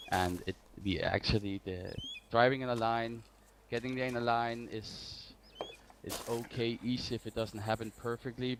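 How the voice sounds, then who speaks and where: A man giving an informal tactical briefing as an instructor, hesitating and repeating points for emphasis. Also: on the low side. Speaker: instructor of armored vehicle drills. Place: online game voice chat. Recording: faint noise with clicks.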